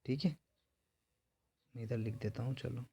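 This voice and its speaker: A man's voice: mid-range voice, fairly even intonation, a little slow, vocal fry, mellow, slightly rough. A male teacher going through exam questions, asking each one aloud and then answering it himself. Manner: repetitive, quizzing himself and answering. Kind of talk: exam-prep lesson.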